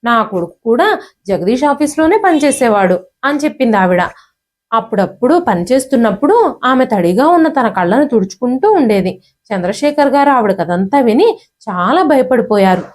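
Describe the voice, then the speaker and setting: A woman reading a moral story aloud as a narrator, in a steady, even storybook style. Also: fairly high pitch, normal speed.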